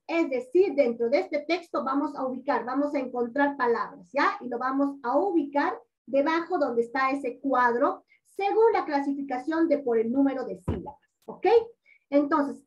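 A woman with a high voice teaches young children over a video call, patient and coaxing as she stretches out words for them. Her voice sits a little far from the mic and comes through dull and lo-fi. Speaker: primary school teacher. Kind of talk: online class teaching. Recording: dull lo-fi audio, distant from mic.

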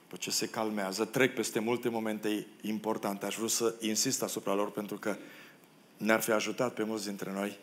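A pastor from Romania preaching a sermon in a church, acting out the quoted biblical figures and making self-deprecating asides to the congregation. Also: male voice, lowish voice, slight background noise. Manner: expressive preacher who acts out the biblical quotes. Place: church hall.

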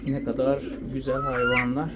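A man's voice: medium pitch, huge pitch swings, moderate pace, lo-fi sound. A man from Turkey showing his quails in a casual vlog, talking fondly and soothingly to the birds. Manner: fond, soothing, talks to the birds. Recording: noisy with bird sounds. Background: cooing birds, pigeons.

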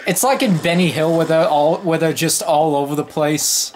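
A woman giving casual commentary over a shooter game, excitable and prone to loud exclamations. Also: deep voice, normal speed, slight background noise. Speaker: gameplay commentator.

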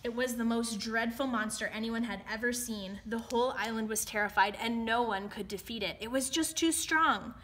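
Expressive storytime narrator woman. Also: fairly high pitch, normal speed, hardly any pauses, slight background noise. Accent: Canadian. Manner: expressive read-aloud narration. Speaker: teacher. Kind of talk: children's storytime reading.

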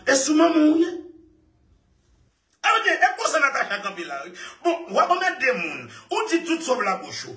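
A man talking excitedly in casual speech, laughing often and repeating his phrases. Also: extremely high pitch, moderate pace. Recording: echoey room, far from mic.

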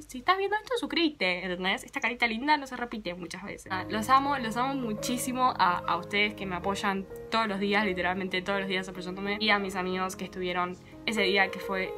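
A young woman with a Rioplatense Spanish accent, chatting casually to camera in a dramatic, self-mocking vlog. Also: medium pitch. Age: young adult. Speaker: vlogger.

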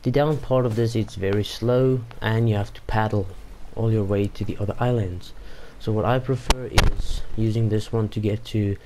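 A young man, Afrikaans by first language, narrates gameplay for his YouTube channel at a moderate pace, barely pausing. His lowish voice stays fairly even in intonation, and his rambling talk is packed with fillers and restarts. Background noise runs underneath.

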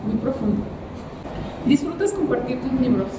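Young woman interviewer, echoey, loud noise. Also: sits high, expressive, normal speed. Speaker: interviewer and channel host. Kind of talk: scripted interview questions. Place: high-floor room by a large window over a city. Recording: distant echoey camera sound, loud traffic noise.

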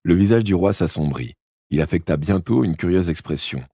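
A man's voice: deep voice, lively intonation, brisk, mellow, husky, no echo, studio quality. A man narrating an audiobook live, reading expressively with small slips and corrections.

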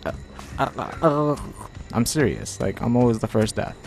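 A man's voice: medium pitch, animated, normal speed, creaky, darkish tone, faint music behind. A young man giving casual gameplay commentary with playful, self-mocking banter.

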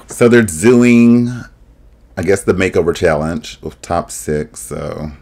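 A man's voice: low-pitched, slow, vocal fry, darkish tone. Sassy man reacting with shady jokes. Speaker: reaction video host. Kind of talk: casual reaction commentary. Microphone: desk microphone, webcam.

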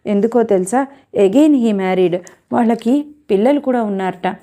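A woman's voice: on the high side, unhurried, dark tone, close to an everyday voice. A woman reading the part of a young woman who earnestly speaks about the father who left her. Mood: wistful.

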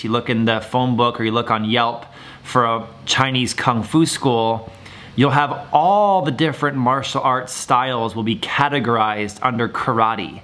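A man's voice: medium pitch, sharp tone. A young man, a martial arts instructor, explaining terms in a video lesson and repeating words for viewers to copy.

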